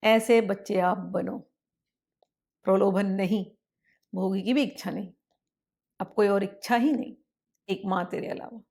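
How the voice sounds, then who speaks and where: A woman's voice: medium pitch, steady tone, measured pace, gravelly, pauses often, darkish tone. A woman giving a spiritual discourse, telling stories expressively and acting out the voices of a mother and a child. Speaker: spiritual teacher. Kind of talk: devotional discourse.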